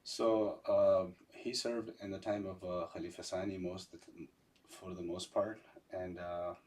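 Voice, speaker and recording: A man recounting personal memories in a halting, conversational way, often repeating phrases. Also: sits low, little pitch movement, a little mellow, recorded from a distance. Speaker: podcast guest.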